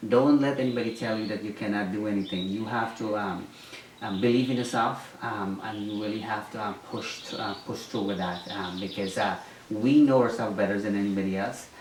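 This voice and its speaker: In an interview recorded on a distant mic with roomy echo and faint noise, a Guyanese man who used to be a mayoral candidate speaks briskly in a lowish voice. He hesitates often, with frequent ums and restarts.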